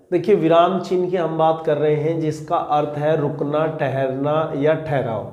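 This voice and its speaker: A male teacher giving an exam-prep grammar lesson in a roomy, echoey classroom. His voice sits a little high for a man, and he talks slowly and deliberately, repeating each key term so students can write it down. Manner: slow, repeats key words for students to note. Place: classroom or small teaching room.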